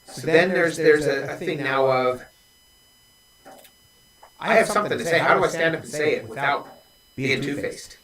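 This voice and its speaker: Blunt, earnest man in his forties, slightly high voice, sits back from the mic. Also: normal speed, long pauses, fairly bright tone, roomy sound. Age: 40s. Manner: earnest, blunt confessional talk. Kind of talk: casual conversation. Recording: voice from a distance off mic.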